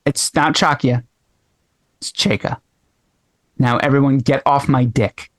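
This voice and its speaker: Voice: mid-range voice, steady tone, normal speed, dry recording. A podcast co-host in casual chat, blunt and sarcastic, who swears freely.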